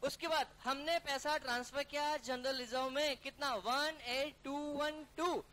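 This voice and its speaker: Brisk man teaching accounting. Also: very high-pitched, steady tone, pushed and bright, a little hiss or hum. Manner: brisk, coaxing students to call out figures; calls students "beta" and "yaar". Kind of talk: classroom lecture working through a problem.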